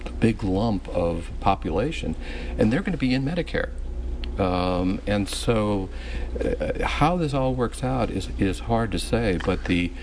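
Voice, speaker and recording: Male panel guest, fairly low pitch, halting explanatory delivery, repeated words, some background noise. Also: animated, darkish tone. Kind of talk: political discussion.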